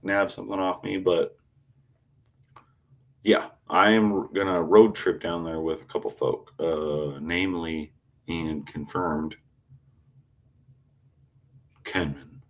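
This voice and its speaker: A man chatting on a casual livestream, telling a rowdy story, cursing constantly, with loud animated outbursts when quoting himself. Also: low-pitched. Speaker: live streamer. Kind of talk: casual rambling livestream chat.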